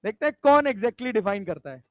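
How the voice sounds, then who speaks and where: A man's voice: sits high, big pitch swings, moderate pace, no echo. A man teaching a physics class, coaxing the students and constantly asking whether they follow. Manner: coaxing, asks constant check questions.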